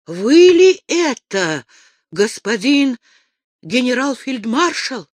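A woman voicing a young naval lieutenant who speaks eagerly and excitedly to his elders. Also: high voice, takes it slowly, no room sound, studio quality, pitched above the performer's own voice, full character voice. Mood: astonished.

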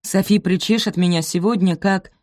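A woman reading aloud and voicing a timid, gentle young girl who speaks meekly. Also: on the low side, steady tone, normal speed, dry recording, clean studio sound, close to an everyday voice. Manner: meek, hopeful.

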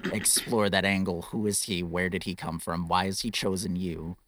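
A man in a casual comedic chat, agreeable and quick with jokes. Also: low voice, flat delivery, background noise.

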